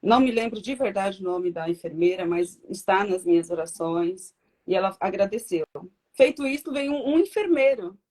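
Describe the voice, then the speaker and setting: Earnest woman guest on a video call, mid-pitched, sharing her faith testimony. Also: lively intonation, normal speed, dark tone. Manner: earnest, reflective storytelling.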